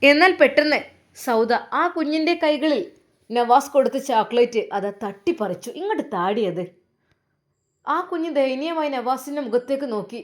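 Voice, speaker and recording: A woman storyteller narrates an emotional family tale. Her voice sits a little high and she leans into each dramatic turn. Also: moderate pace.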